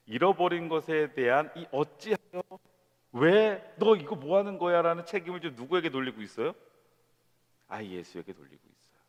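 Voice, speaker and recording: Korean pastor preaching in a reverberant hall. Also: male voice, a little high. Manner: lively, conversational preaching with rhetorical questions and acted quotes. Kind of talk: sermon to a young adult congregation. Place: church sanctuary. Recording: long church hall reverb.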